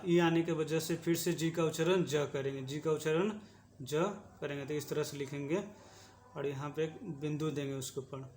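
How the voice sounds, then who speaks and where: A man's voice: on the high side, slight background noise. Man teaching pronunciation, repeating each point. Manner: slow and repetitive, saying each point twice. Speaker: English teacher. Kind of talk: spoken lesson on pronunciation.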